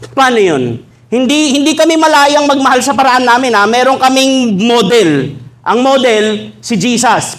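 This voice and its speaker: A man's voice: extremely high pitch, fairly bright tone. A man preaching a sermon to a church congregation, mixing jokes with teaching and acting out little dialogues in shifted voices. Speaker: pastor. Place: church hall.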